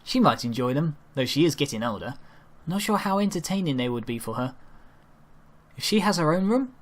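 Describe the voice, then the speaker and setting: As an amateur narrator, a man reads a first-person fan fiction story, stumbling occasionally as he goes. His voice is fairly high and sing-song, and his delivery is brisk.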